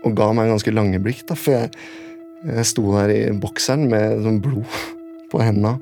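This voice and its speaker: A man telling his own story in a radio documentary, halting and repetitive, stringing his sentences together with "and then". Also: lowish voice, steady tone, warm tone, soft background music. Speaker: interviewee recounting a personal event. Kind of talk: spoken recollection in a radio documentary.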